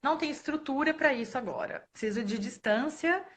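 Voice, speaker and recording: Woman from brazil, 30s, telling work stories on a live stream, animated and laughing a lot, voice sits a bit high. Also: brisk. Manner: animated, laughs often, acts out quoted voices. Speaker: guest speaker, librarian. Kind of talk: casual storytelling in a live talk. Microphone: phone or webcam on a live stream.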